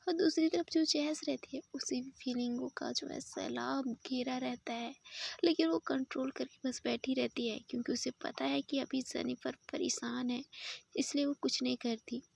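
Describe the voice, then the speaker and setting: A woman telling a romance story in a hushed, often whispered, unhurried way, close to the mic. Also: high-pitched, gravelly, husky, no room sound.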